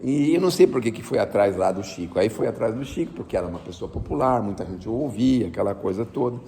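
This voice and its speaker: A Brazilian man giving a spiritist religious talk in a conversational, animated way, often asking the audience for agreement. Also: lowish voice, fast talker, big-room sound, a little hiss or hum. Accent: Brazilian Portuguese. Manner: conversational, animated, frequent tag questions. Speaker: spiritist lecturer.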